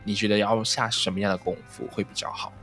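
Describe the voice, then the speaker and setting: A man's voice: fairly low pitch, flat delivery, fast, fairly bright tone, soft background music. A man with a Taiwanese accent, hosting a casual conversational interview and dropping in the odd English word. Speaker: podcast host.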